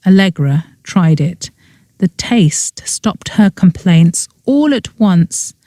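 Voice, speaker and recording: A woman reading as a cozy mystery audiobook narrator, in expressive scripted storytelling. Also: fairly low pitch, takes it slowly, no room sound, studio quality.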